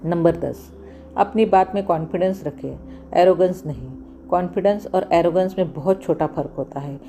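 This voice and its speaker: A woman giving scripted voice-over narration with steady, instructive delivery, counting off communication tips by number. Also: lowish voice, normal speed, faint music behind.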